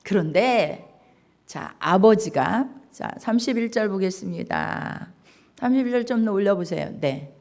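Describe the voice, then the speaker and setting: A woman's voice: mid-range voice, expressive, a little slow, a little mellow. A woman pastor preaching a sermon, acting out dialogue and putting questions to the congregation.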